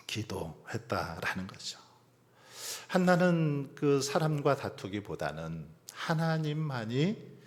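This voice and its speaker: Animated preaching man, church reverb. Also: mid-range voice. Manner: preaching with rhetorical questions, trailing into near-whispers. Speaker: pastor. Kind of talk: sermon. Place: church sanctuary. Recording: long church hall reverb.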